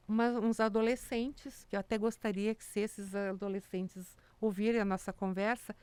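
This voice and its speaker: A woman's voice: medium pitch, normal speed, clear, resonant tone, no room sound. A woman, a music teacher for small children, telling stories in casual chat and acting out the quotes in them. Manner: animated storyteller acting out quotes, many "né?" tags.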